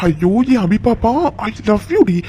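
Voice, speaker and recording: A man's voice: high voice, a little slow, dark tone, a little hiss or hum. A man voicing a caring, devoted young husband in a cartoon, talking earnestly and affectionately. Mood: tender. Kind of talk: cartoon dubbing.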